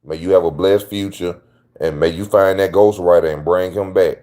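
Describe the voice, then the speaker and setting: A man's voice: deep voice, fairly even intonation, moderate pace, dark tone. A man hosting his own channel, giving casual opinion commentary in a slangy, emphatic way that repeats his points. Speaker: channel host.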